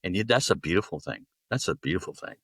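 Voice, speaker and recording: Man guest, supportive and affirming, low voice, dry close sound. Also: expressive, fast, slightly rough, dry recording. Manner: warmly affirming, repeating his words. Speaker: podcast guest. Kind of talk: supportive conversation.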